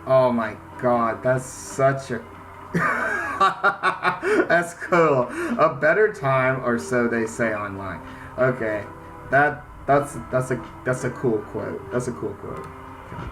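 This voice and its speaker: Speaking slowly at medium pitch, a gaming video host reads game text out loud and reacts casually in let's-play commentary. Music runs under his voice, and the background is noisy.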